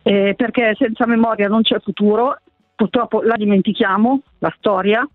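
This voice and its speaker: A woman's voice: mid-range voice, steady tone, moderate pace, no echo. A woman in her sixties calling in to a radio show on speakerphone, talking earnestly and searching for her words. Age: 60s. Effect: on speakerphone over a phone line. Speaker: radio caller. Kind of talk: call-in chat. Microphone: phone on speakerphone. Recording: tinny phone line.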